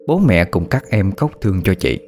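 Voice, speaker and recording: A male storyteller reads a sad tale in a slow, mournful way. His voice sits low, and faint background music plays behind it. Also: sing-song, a little mellow. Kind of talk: scripted story narration.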